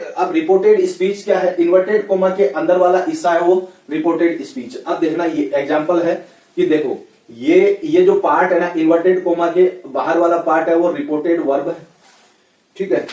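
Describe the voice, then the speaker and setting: Rajasthani accent teacher guy, kinda high voice, chatty, says okay right a lot, echoey room, bit far from mic. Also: fairly even intonation, normal speed, darkish tone. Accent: Rajasthani Hindi. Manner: chatty, repeats "ठीक है, है ना" constantly. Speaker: English grammar teacher. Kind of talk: casual classroom lecture.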